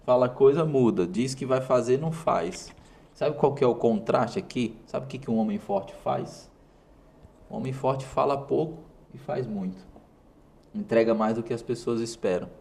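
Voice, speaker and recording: A man's voice: medium pitch, moderate pace, gravelly, warm tone. A man with a Brazilian Portuguese accent hosting a motivational talk, speaking straight to the viewer in punchy, repeated short phrases. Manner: emphatic, speaks directly to the viewer. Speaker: host.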